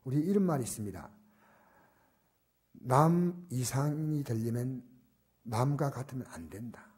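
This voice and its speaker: Older male pastor for a church sermon; dark, husky voice, loud urging that drops to near-whispers. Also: mid-range voice, expressive, measured pace. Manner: shifts from loud emphatic exhortation to soft, near-whispered asides. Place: church sanctuary.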